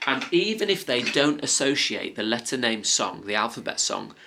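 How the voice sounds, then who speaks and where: A man's voice: mid-range voice, sing-song, moderate pace, heavy background noise. A man teaching a toddler letters in playful, simple talk with coaxing questions and praise, and asides to viewers. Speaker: parent teaching phonics to a toddler.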